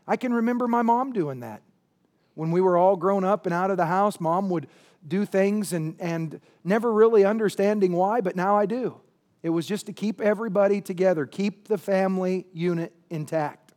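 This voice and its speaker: This man's high, slightly mellow voice moves at a moderate pace as he delivers a sermon in a church sanctuary. He's a pastor in his late thirties, speaking emphatically and conversationally with occasional remarks aimed at the congregation.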